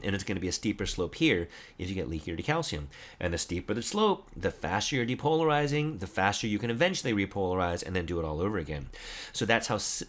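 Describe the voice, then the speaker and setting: A man teaching anatomy and physiology over slides in a casual, lively lecture, quizzing listeners with true-or-false questions and correcting himself as he goes. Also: fairly low pitch.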